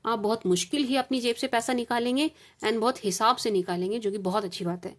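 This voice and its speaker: A woman from India reads tarot cards for a general audience, with a voice set a little high. She talks in a loose, repetitive way and keeps reassuring her listeners. She slips English phrases into her Hindi and often adds "ठीक है जी". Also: fairly quick. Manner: calls viewers "sweet sugar gems" and adds "ठीक है जी". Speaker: tarot reader. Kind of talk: collective tarot reading monologue.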